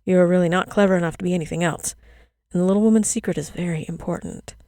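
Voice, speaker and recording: A woman's voice: fairly low pitch, fairly even intonation, quick pace, dark tone, dry recording, studio quality, lightly acted. A woman voicing a strange, sly village girl who speaks coolly and with superiority in a storybook reading.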